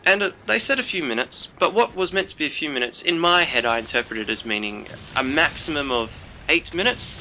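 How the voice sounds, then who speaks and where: A young man talks over gameplay in a loose, rambling way, leaning on fillers as he goes. His voice is strikingly bright and sharp. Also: a little high, lively intonation, a little fast, hardly any pauses, a little hiss or hum. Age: young adult. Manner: rambling, chatty storytelling with many fillers. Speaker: gaming channel host. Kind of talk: casual commentary over gameplay.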